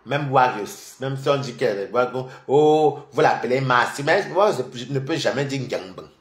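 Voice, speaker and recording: A man doing mocking gossip commentary on a live stream, animated and scornful, often repeating words. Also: medium pitch, moderate pace. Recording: roomy echo.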